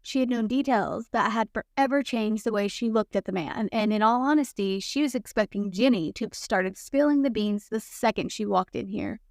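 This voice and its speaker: A woman reading a fanfiction story aloud in an even, measured way. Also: medium pitch, no echo, clean studio sound. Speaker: fanfiction narrator. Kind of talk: audiobook narration.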